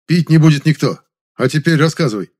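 A male audiobook reader voicing a stern, blunt young man who scolds loudly and shouts. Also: a little high, animated, fairly quick, voice pushed up. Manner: loud, scolding, shouting outbursts. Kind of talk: audiobook reading.

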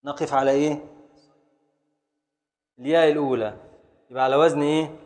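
Egyptian man quizzing a class, higher voice. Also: steady tone, a little fast, a little mellow, in a large hall. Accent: Egyptian Arabic. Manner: quizzing students step by step with repeated questions. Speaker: teacher. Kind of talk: classroom lesson.

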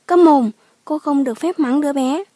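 A woman voicing a furious, grieving man in his thirties who shouts and curses in an audiobook drama. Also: high-pitched, moderate pace, dry recording, clean studio sound, lightly acted. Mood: enraged. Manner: shouting, cursing.

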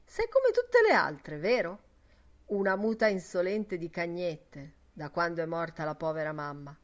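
A woman's voice: mid-range voice, big pitch swings, unhurried. A woman doing a sarcastic, hot-tempered Irish father. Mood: angry outburst. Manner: loud theatrical outbursts, mocking. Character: middle-aged Irish father, sarcastic, quick-tempered, broke.

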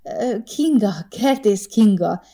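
A woman's voice: mid-range voice, animated, warm tone, voice pushed up. A woman voicing a nervous, starstruck seventeen-year-old girl who stammers shyly in an audiobook story. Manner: stammering, breathless and shy.

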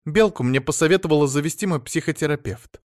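Guy putting on a high squeaky airhead wife voice, pouty and whiny, dry close sound. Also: quick pace, a little mellow, dry recording, lightly acted. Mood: shrill, indignant. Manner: shrill, pouty, wheedling. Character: silly childish vain blonde wife.

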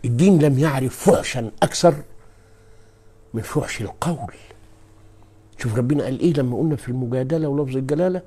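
Animated Egyptian preacher, soft then booming. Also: male voice, fast, long pauses, breathy edge. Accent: Egyptian Arabic. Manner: animated and emphatic, swinging from soft asides to loud stressed words; exclaims and addresses listeners directly. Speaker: Islamic preacher and scholar. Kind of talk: live-streamed religious lecture.

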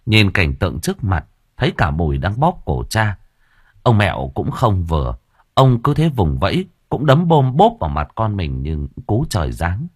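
A male storyteller reads an audiobook with a husky, low voice. His telling is dramatic, with a lot of rise and fall in pitch. The sound is close and dry. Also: no room sound. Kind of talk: audiobook narration.

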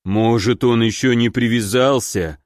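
A man voicing a burly, panicky man who pleads and protests in a drawn-out, whining way. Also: mid-range voice, a little mellow, no echo, clean studio sound, voice pushed down, natural voice. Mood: pleading. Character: panicky big burly man, whiny and stubborn. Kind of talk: audiobook character voice.

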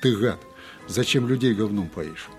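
A man voicing a huge hot-tempered sculptor who shouts and scolds loudly. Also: lowish voice, animated, unhurried, soft background music. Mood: furious. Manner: shouting, furious.

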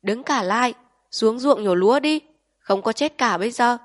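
A woman's voice: a little high, moderate pace, pitched above the performer's own voice, lightly acted. A woman voicing a bullying male district official barking orders at villagers. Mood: bellowing. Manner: barked shouting orders.

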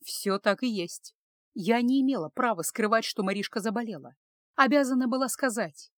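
A woman's voice: fairly high pitch, animated, normal speed, no echo, clean studio sound, close to an everyday voice. A woman voicing a hurt young woman, tearful and shaky, swinging between whispers and cries, in a storybook reading.

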